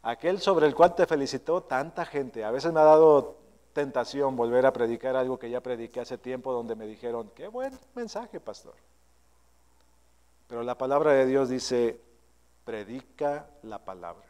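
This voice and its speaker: A male pastor preaching an earnest, self-searching sermon, his voice often trailing low and soft at the ends of phrases. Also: steady tone, normal speed, clear, resonant tone. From Mexico. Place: church sanctuary. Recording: long hall reverb.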